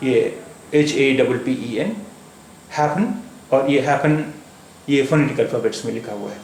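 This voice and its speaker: A man teaching a spoken English lesson, speaking slowly and repeating words with many hesitations. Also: mid-range voice, darkish tone. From India. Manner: slow, repetitive, with many hesitations. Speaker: language teacher. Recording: echoey room with faint background noise.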